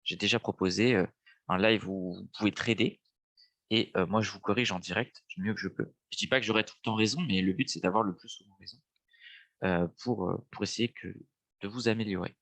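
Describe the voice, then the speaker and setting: The webinar host, a young Frenchman with a cold, speaks fairly quickly in a low-ish, steady, creaky voice that's a bit bright, on a dry recording. He walks viewers through live trading in a relaxed way, thinking aloud with frequent fillers.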